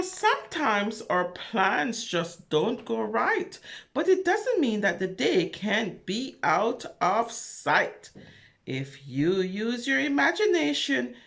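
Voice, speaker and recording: A woman reads a picture story aloud to preschoolers and chats with them, addressing the small children directly in an animated, encouraging, sing-song manner. She is a children's story reader and craft host, and her voice is on the high side and creaky.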